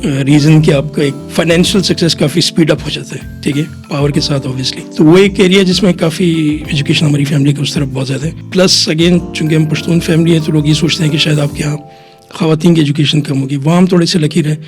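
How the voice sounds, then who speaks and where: A slightly high, steady-toned male voice moves along quickly while music plays in the background. The speaker, a middle-aged chartered accountant from Quetta, Pakistan, explains at length as a podcast guest, mixing English phrases into Urdu and frequently saying "theek hai."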